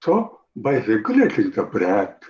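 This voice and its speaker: Animated Indian man teaching yoga. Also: fairly low pitch, a little slow. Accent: Indian English. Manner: animated, repeats phrases, asks the class questions. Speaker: yoga instructor. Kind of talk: online yoga class instruction. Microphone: video call. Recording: roomy, dull lo-fi video call audio.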